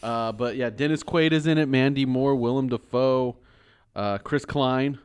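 A man's voice: mid-range voice, unhurried, clean tone. A man discussing films casually as a podcast co-host, explaining his points insistently.

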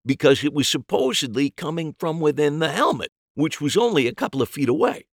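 A man's voice: fairly high pitch, lively intonation, a little fast, dry recording, clean studio sound, pitched above the performer's own voice. A man voicing an emphatic amateur sleuth explaining a crime in a mystery story.

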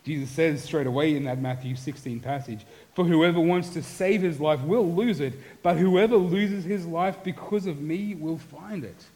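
A middle-aged man preaching a sermon as pastor, earnest, moving between animated and hushed passages. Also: fairly high pitch, normal speed, hardly any pauses, poor audio.

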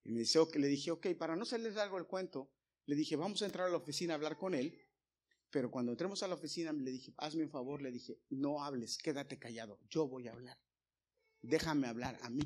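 A man preaching a sermon to his congregation, moving from loud, emphatic appeals to quiet, hushed storytelling. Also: fairly high pitch, fairly quick. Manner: addresses listeners as brothers.

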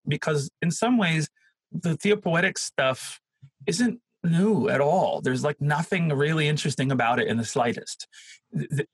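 A man talking theology in a casual academic conversation, often hunting for names and words, animated and laughing at times. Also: medium pitch, creaky, slightly rough, no echo, low-quality recording.

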